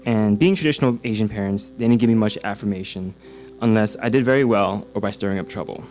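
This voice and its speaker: A man's voice: on the low side, quick pace, a little mellow, faint music behind. A young man in his twenties from Singapore giving his baptism testimony at a church service, earnest and peppered with ums and uhs. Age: 20s. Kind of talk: prepared personal testimony.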